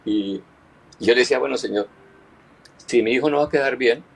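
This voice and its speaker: A pastor giving an earnest personal testimony, often halting and repeating his words as he recounts. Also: mid-range voice, vocal fry, breathy edge, low-quality recording.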